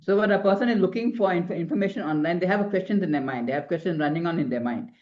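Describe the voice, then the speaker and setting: Speaking fast in a fairly low pitch, this middle-aged marketing consultant from Singapore rambles through her advice as an interview guest, with many restarts. The sound is dull and lo-fi.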